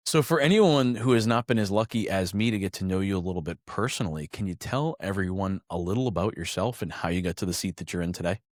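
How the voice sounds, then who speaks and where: A man's voice: low voice, quick pace, few pauses, no room sound, studio quality. A male podcast host giving a friendly, upbeat introduction of his guest and asking questions. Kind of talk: casual interview hosting.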